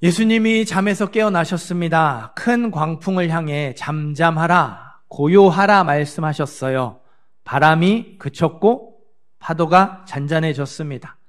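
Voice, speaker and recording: A male pastor giving a Sunday sermon in a church. He asks the congregation questions and answers them himself. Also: unhurried. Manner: acts out the disciples' frantic words in a higher voice. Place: church sanctuary.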